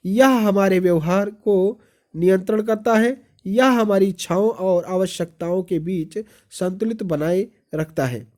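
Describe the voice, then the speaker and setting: A teacher reading exam-prep notes aloud, repeating each point as a question and then answering it. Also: male voice, high voice, darkish tone.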